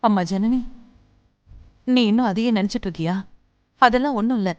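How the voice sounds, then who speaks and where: A woman's voice: a little high, fairly quick, no room sound, muffled recording, lightly acted. An actress playing a worried, superstitious middle-aged mother who frets and insists. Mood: soothing, insistent. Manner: fretful, insistent. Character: worried superstitious mother fretting over omens. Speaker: mother in a TV serial. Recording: dramatic background music.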